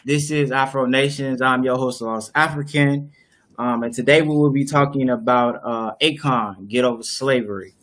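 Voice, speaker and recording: Here the young man hosting the casual video call speaks at normal speed, with medium pitch, a steady tone and a somewhat bright sound. He explains at length through his webcam, full of fillers and restarts.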